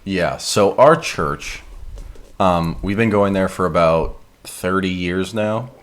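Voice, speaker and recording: A young man co-hosting a casual podcast, telling a story in a relaxed way with many pauses and ums. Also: low voice. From Canada. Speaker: podcast co-host. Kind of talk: casual chat.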